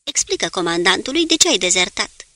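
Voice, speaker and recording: A man's voice: high-pitched, big pitch swings, bright, forceful tone, no echo, heavily acted. A woman reading a formal male naval lieutenant who speaks in a ceremonious, clipped way.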